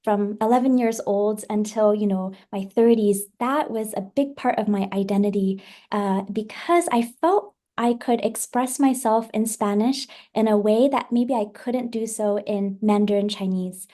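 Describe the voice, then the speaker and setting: A woman's voice: medium pitch, unhurried, warm tone. A middle-aged woman from the Washington D.C. area, a literacy specialist answering interview questions in a gracious, articulate way. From United States, Washington D.C. area.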